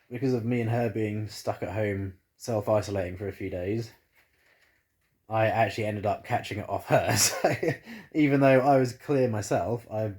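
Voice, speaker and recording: Still stuffed up after having the flu, a man rambles to his phone camera from the living room. His voice is fairly low and darkish, and he keeps using fillers and starting sentences over.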